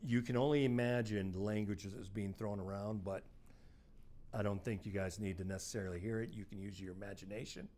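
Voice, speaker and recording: A man's voice: lowish voice, fairly even intonation, a little fast, darkish tone, a little hiss or hum. A middle-aged man, a private investigator, telling one of his cases in a casual, conversational first-person way. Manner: conversational, quotes people in his story, plain-spoken. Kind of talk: first-person case storytelling.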